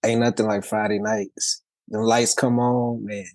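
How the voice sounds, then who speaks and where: Easygoing man from Louisiana, low and dry. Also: little pitch movement, a little slow, darkish tone, dry recording. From Louisiana, grew up in Texas. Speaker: podcast guest. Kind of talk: casual conversational storytelling.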